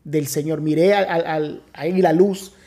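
Man, pastor guest, high mellow voice, earnest testimony storyteller. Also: steady tone, measured pace. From Nicaragua. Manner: earnest storytelling, many restarts. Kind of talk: testimony in casual conversation.

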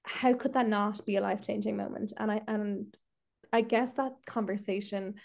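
A woman's voice: mid-range voice, steady tone, moderate pace, creaky, a little mellow. A woman hosting a podcast, a trainee therapist, talking in a reflective, rambling way with many restarts. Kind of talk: casual podcast chat. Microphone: video call.

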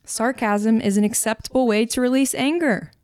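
A woman's voice: fairly high pitch, a little mellow, no room sound. Chatty woman co-host, dry close sound. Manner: conversational, fillers and quick asides. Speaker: podcast co-host. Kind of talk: casual faith-based discussion.

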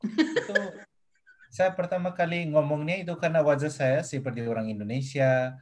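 Young man, halting speech. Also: on the high side, fairly even intonation. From Nepal. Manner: halting, hesitant, mixing in English phrases. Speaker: guest. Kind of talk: casual interview chat.

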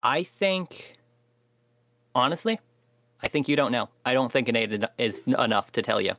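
A man's voice: mid-range voice, lively intonation, moderate pace, pushed and bright, dry recording. A man narrating as game master, hesitant with many fillers.

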